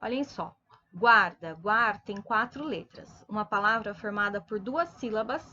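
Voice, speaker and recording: A woman teaching a primary school video lesson, patiently addressing children and sounding out words slowly, syllable by syllable. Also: medium pitch, expressive, pushed and bright, dull audio. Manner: slow, deliberate syllable-by-syllable enunciation.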